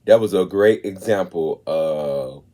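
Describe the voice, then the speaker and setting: Emphatic low-voiced male host. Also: warm tone. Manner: emphatic, slows down to stress points. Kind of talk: commentary on clips.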